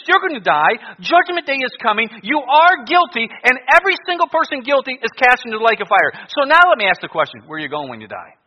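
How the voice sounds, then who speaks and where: A man preaching an evangelistic sermon as a pastor, with the fervent, emphatic warning of a doomsday street preacher, repeating his phrases. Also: very high voice. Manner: emphatic, repeats phrases, swings from loud to hushed. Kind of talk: evangelistic sermon with altar call. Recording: dull, reverberant large hall PA.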